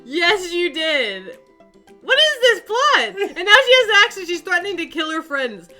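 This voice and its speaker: A woman's voice: very high voice, very animated, brisk, bright, forceful tone, faint music behind. A young woman hosting a casual chat, reacting to her own old art with lots of giggles and disbelieving exclamations. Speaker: YouTube artist host.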